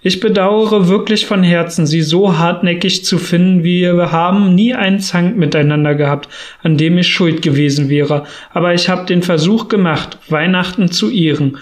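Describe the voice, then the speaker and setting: A man's voice: high-pitched, moderate pace, natural voice. A man reading an audiobook, voicing a cheerful, earnest young man who pleads in a heartfelt way. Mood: pleading.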